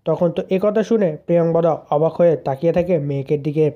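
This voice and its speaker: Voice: mid-range voice, fairly quick. A narrator plainly retelling a serial's episode as a story. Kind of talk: storytelling recap. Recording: dull lo-fi sound.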